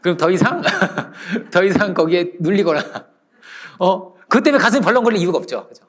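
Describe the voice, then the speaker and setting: Male pastor, middle-aged, sermon, animated storytelling, fairly high voice, very lively pitch. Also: a little fast. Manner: animated storytelling with sound words and laughs.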